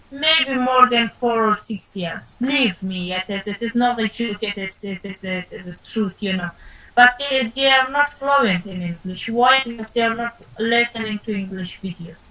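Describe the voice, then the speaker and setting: Woman mentoring students over a video call, bright voice, lots of uh and you know. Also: fairly high pitch, poor audio. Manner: repetitive, encouraging, many fillers and restarts. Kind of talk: online mentoring session.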